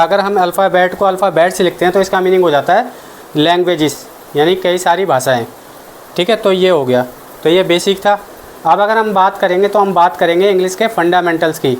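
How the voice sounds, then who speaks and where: A man's voice: high-pitched, slight background noise. Man teaching grammar, asking his own questions. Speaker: English teacher. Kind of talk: exam-prep grammar lesson.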